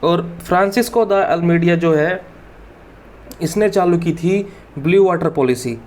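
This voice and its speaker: A man's voice: sits high, measured pace, darkish tone. A man teaching an exam-prep history lesson in a chatty, informal way, often calling his students "bhai". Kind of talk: informal Hindi lecture.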